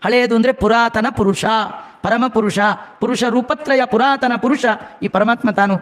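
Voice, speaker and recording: A man giving a devotional sermon as a storyteller, animated and asking his listeners rhetorical questions. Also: extremely high pitch, normal speed. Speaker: religious discourse speaker.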